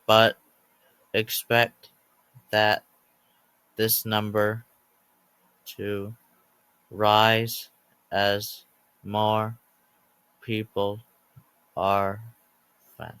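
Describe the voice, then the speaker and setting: A male narrator reads a scripted emergency alert haltingly, chopping sentences into short clusters of words. His voice is lowish, level, fairly bright, and clean, with no echo, though the recording quality is low.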